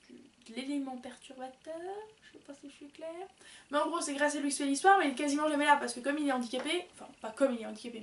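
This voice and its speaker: A woman's voice: high-pitched, reverberant, distant mic, slight background noise. A woman chatting casually and rambling as she reviews books, with many fillers. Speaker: book vlogger. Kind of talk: casual book review chat.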